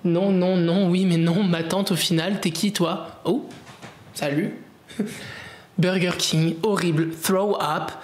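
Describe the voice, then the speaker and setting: A man's voice: sits high, steady tone, takes it slowly, darkish tone. Chatty male streamer in a roomy space. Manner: chatty, reacting playfully to viewers' comments. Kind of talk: casual live-stream chat. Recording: roomy echo, faint background noise.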